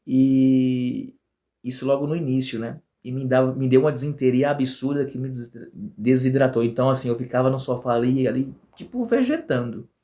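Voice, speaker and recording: A man with a Bahian accent tells a personal story in an earnest, heartfelt way. He leans on repetition for emphasis and speaks at a medium pitch. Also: moderate pace, dark tone. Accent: Bahian Portuguese. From Bahia, Brazil. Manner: earnest, repeats phrases for emphasis. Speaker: guest sharing a personal testimony.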